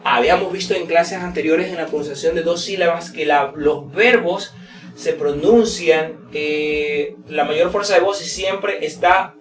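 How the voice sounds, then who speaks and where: A man giving a pronunciation lesson in a casual teaching manner, repeating example words slowly to show stress. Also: on the high side, reverberant, distant mic, low-quality recording. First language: Spanish. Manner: slow, drawn-out model words repeated for stress. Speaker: English teacher.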